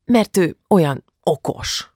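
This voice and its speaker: A man's voice: on the high side, big pitch swings, dry recording, clean studio sound. A man voicing a young girl who pleads and sulks in a storybook reading. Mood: sulky. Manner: pleading, then sulky. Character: young girl, sulky and jealous.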